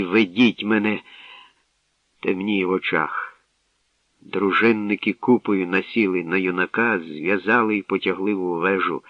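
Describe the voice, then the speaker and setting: Low-voiced male audiobook narrator. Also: no echo, distant mic. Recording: dull dry studio recording.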